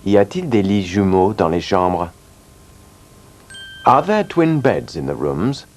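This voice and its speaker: A man leads a scripted English lesson at an unhurried pace. His lowish voice swings widely up and down as he sounds out each word for repetition. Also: very animated, darkish tone. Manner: slow, clearly articulated drilling of words. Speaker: language teacher.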